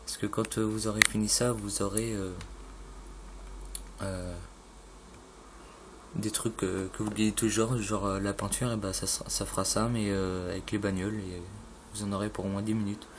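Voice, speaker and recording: Low monotone guy mumbling thru a pc tutorial on his phone, lots of uhs, faint background hum. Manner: halting, many fillers and restarts, loose slang. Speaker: gaming tutorial maker. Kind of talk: casual screen tutorial. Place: indoors at a home computer. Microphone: phone filming a screen. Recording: phone recording with faint room noise.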